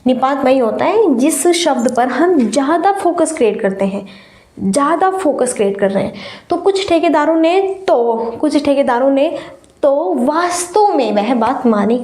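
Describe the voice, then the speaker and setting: A woman teacher giving an exam-prep lesson while feverish, explaining slowly and repeating key words for stress. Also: high-pitched, animated, a little mellow, echoey room.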